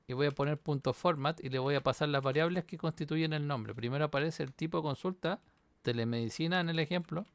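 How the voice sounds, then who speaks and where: Here a university instructor, a man with a slightly high, gravelly but clean voice, is recorded dry. Working on screen through a programming exam solution, he explains it step by step and keeps asking the class "¿sí?" in a screen-recorded coding walkthrough.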